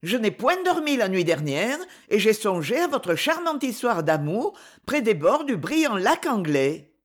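A woman's voice: medium pitch, big pitch swings, unhurried. An intense, eccentric lady who pleads with fervour and lets her voice rise and fall freely, as a woman reads her part aloud. She speaks in an audiobook character voice. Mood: grave. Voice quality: fervent, pleading delivery.

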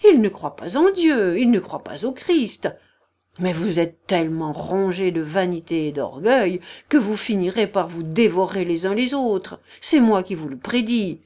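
A woman reading an audiobook, voicing a domineering older noblewoman who scolds in shrill outbursts. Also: expressive, measured pace, warm tone. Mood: furious. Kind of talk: audiobook character voice.

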